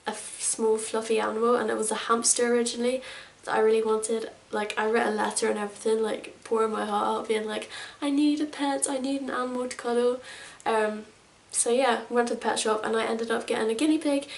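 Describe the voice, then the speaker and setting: An English woman in her twenties vlogs casually to camera, rambling with lots of fillers. Her voice is fairly high and fairly even, brisk, with vocal fry, recorded from a distance in an echoey room.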